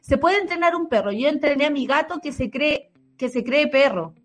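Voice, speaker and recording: A woman's voice: high-pitched, lively intonation, moderate pace. A Chilean woman co-hosting a podcast, telling stories in casual, slangy chat and laughing often. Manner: chatty storyteller, slangy and laughing. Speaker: podcast co-host.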